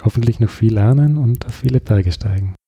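Here the Austrian interview guest talks briskly at medium pitch, heard through lo-fi sound. He chats casually, thinking aloud in a hesitant, reflective way and often groping for his words.

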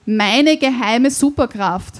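A woman hosting a live podcast on stage, asking quick playful questions. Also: fairly high pitch. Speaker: podcast host. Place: outdoor stage at a live event.

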